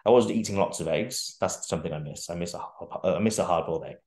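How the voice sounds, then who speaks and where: A fast-talking young man with a deep, darkish voice guests on a casual interview over video, where he coaches fitness and wanders through his answers with restarts and a few swears. He's indoors in a sparse room at home, and the sound is echoey.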